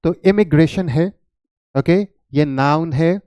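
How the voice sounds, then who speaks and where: A man teaching English with a patient, repetitive way of explaining, often pausing to check in. His voice sits a little high but sounds mellow and soft-edged. The sound is close and dry, with no room around it. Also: smooth, dry recording. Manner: mixes Hindi and English. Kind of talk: classroom-style lesson.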